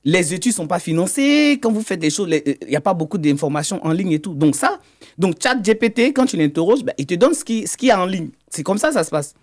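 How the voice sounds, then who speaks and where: A man's voice: sits high, big pitch swings, a little fast. A man, a guest in an interview, explaining his work as an economic intelligence consultant. He often stumbles and repeats words mid-sentence.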